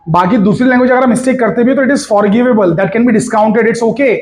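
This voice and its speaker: A man's voice: extremely high pitch, moderate pace, darkish tone. A man teaching a recorded physics lesson in a chatty, coaxing way, switching between Hindi, English and Marathi asides.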